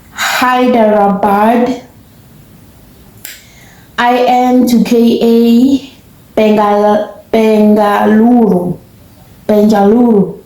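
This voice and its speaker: This is a young woman with a South African accent, chatting to her audience in a casual vlog. Her voice is mellow and her delivery measured. The sound carries a noticeable room echo. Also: fairly high pitch. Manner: earnest and grateful, talks to viewers directly. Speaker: vlogger. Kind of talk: casual vlog talk to camera. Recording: roomy echo.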